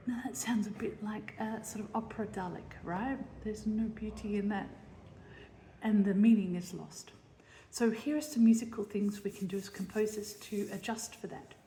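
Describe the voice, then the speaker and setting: A woman's voice: mid-range voice, steady tone, moderate pace, mellow, a little hiss or hum. A woman composer giving a lesson on setting words to music, explaining her ideas as she thinks them through and often checking in with her listeners. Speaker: composer teaching text setting. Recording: roomy space with long reverb.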